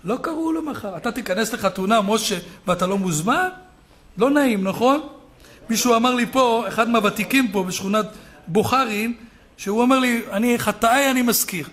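A man preaching a sermon as a rabbi, telling stories and building up to loud shouted peaks. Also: extremely high pitch, animated.

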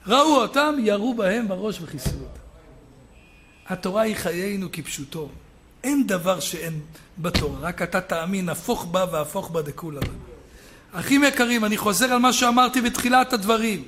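A man preaching a sermon as a rabbi, telling stories and building up to loud shouted peaks. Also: sits high, a little hiss or hum.

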